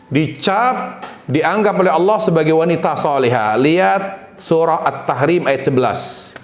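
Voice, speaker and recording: A man from Indonesia giving a sermon, animated and asking the congregation questions. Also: fairly high pitch, roomy sound. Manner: animated, asks the audience questions. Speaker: preacher.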